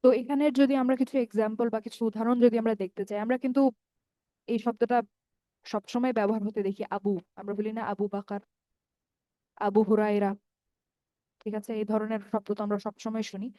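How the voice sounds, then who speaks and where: A woman with a Bangladeshi accent teaching grammar over a call, her voice dark and mellow. The sound is dry and close, with no room around it. She goes step by step, draws out the vowels of each word form and keeps checking that her students follow. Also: fairly high pitch, level tone, dry recording. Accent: Bangladeshi Bengali. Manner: patient, explains step by step, often checks with "ঠিক আছে?"; repeats word forms slowly and draws out long vowels. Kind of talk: online grammar lesson.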